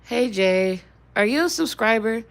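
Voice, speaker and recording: A woman's voice: fairly high pitch, animated, unhurried, creaky. A young woman chatting casually on a livestream. She rambles and swears now and then as she talks with her viewers. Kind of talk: casual live-stream chat.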